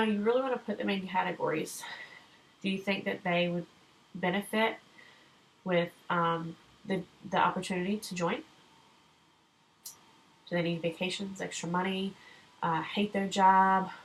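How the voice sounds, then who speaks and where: A woman's voice: fairly low pitch, low-quality recording. A woman in her thirties giving chatty, encouraging sales advice in a casual home vlog, rambling with fillers and restarts. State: short of breath. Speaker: direct sales consultant.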